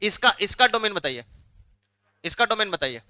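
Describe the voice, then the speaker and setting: Bright, high-pitched math teacher. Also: male voice, sing-song, moderate pace, clear, resonant tone. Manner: prods students for answers, repeats questions. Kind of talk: interactive classroom lecture.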